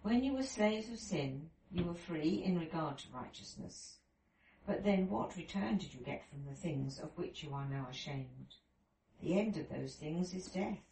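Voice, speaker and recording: A woman in a study group reading a scripture passage aloud in a steady, careful way. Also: low-pitched, a little slow, creaky. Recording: roomy, distant from mic, faint room noise.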